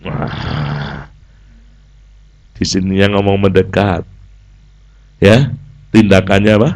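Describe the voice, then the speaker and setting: A man's voice: lowish voice, normal speed. A man with a Javanese accent preaching a sermon as a pastor, humorous and acting out the people he quotes. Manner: animated, humorous, acts out quoted dialogue.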